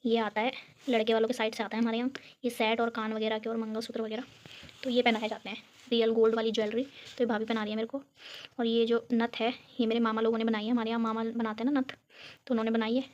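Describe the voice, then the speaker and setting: Young female home vlogger from Uttarakhand, chatty and giggly, talks to viewers on a phone; highish, even-toned voice. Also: fast, lo-fi sound. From Uttarakhand, India. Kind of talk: casual chat showing a photo album. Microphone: phone camera.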